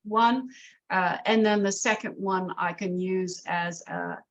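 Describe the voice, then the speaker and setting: A woman's voice: lowish voice, fairly even intonation, takes it slowly, gravelly, lo-fi sound, slight background noise. Chatty woman leading an art group. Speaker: art workshop facilitator. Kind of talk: casual group discussion.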